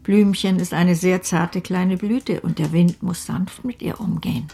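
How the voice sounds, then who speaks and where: An actress playing a wise, firm, kindly elderly aunt in a radio play, husky and gravelly, deliberate and gently admonishing. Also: female voice, on the low side, steady tone, full character voice. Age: older.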